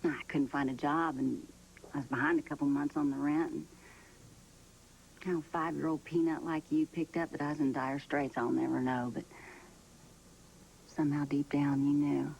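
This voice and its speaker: An actress playing a down-to-earth mother who comforts her daughter in a soft, homespun way. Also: low-pitched, level tone, normal speed, creaky, pauses often, slight background noise, poor audio. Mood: soothing. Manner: soothing, homespun, soft-spoken. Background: faint background music.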